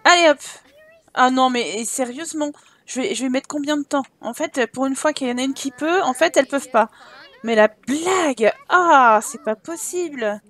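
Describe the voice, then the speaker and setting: High-pitched woman playing Sims. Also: moderate pace, a bit bright. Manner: exasperated, swears at the game, talks to her Sims. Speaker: Sims let's play streamer. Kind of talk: casual gameplay commentary.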